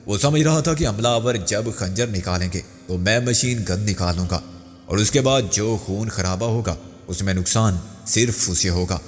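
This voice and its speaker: A man narrating a crime thriller novel as an audiobook, with steady storytelling. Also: on the low side. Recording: long hall reverb with faint music.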